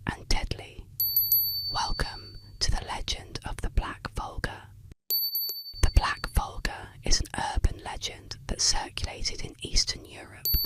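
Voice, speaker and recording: A woman whispers eerie bedtime legends as an ASMR host and storyteller, using slow, hushed, deliberate phrasing with pauses in scripted narration. Her voice is extremely high-pitched, recorded on a close-up microphone with poor audio quality.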